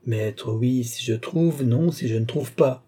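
A guarded, devoted disciple, read by a male narrator answers in a steady and respectful way. His voice is mellow and slightly husky, and he stays calm under pressure. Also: medium pitch. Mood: earnest. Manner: measured, respectful, restrained. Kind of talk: audiobook character reading.

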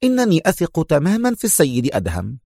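A man's voice: a little high, wildly swooping pitch, fast, gravelly, warm tone, no room sound, clean studio sound, heavily acted. A man voicing a touchy young civilian man in an audiobook, speaking in a hesitant, defensive way. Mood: resigned.

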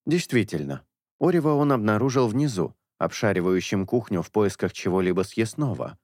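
A man narrating an audiobook in a measured, expressive storytelling manner. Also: on the low side, dry recording, studio quality.

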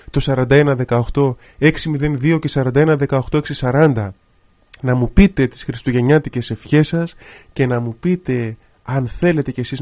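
A man's voice: medium pitch, a little mellow. A man, a priest and radio host, preaching an earnest sermon on air and exhorting listeners with repeated phrases.

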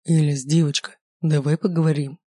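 Calm, insistent male werewolf alpha for an audiobook, done by the reader, dry mic. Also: medium pitch, moderate pace, no room sound, natural voice. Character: possessive male werewolf alpha, young adult. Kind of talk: audiobook character voice.

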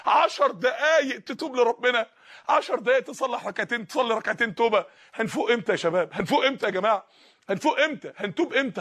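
A man with an Egyptian accent preaching an emotional sermon, rising to shouts and dropping to hushed pleas. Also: very high-pitched. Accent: Egyptian Arabic. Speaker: Islamic preacher.

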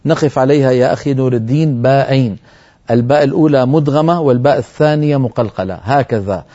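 A man teaching Quran recitation on a TV program, answering viewer questions firmly and reciting verses slowly to demonstrate. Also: mid-range voice, dark tone, muffled recording.

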